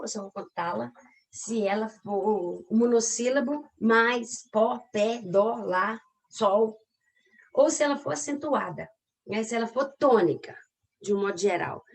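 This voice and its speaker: A woman's voice: a little high, a little mellow. Chatty Brazilian woman teaching literature. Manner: chatty, explanatory, addresses students directly; stretches words out when scanning syllables. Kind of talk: recorded online class.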